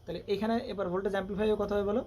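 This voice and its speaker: A man's voice: sits high, level tone, rapid-fire, a little mellow. A male electronics tutor explains a circuit at breakneck speed. He keeps quizzing his students with rhetorical questions. Faint background noise sits under the recording. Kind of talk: classroom lecture with questions.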